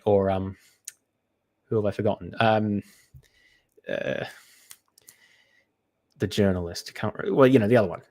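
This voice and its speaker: Man, lowish register, blocked-up nose, thinking aloud in hesitant, wandering commentary with frequent restarts. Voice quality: stuffy nose from being sick. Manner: hesitant, halting, digressive with many restarts. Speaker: commentator reacting to apologetics content. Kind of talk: unscripted reaction commentary.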